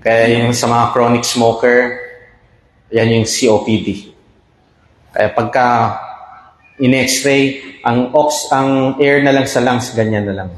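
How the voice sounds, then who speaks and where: A doctor with a Filipino accent gives a health talk in a slow, steady, mid-range voice, pausing often. He keeps checking on his listeners with repeated "okay?" prompts. The room sounds echoey.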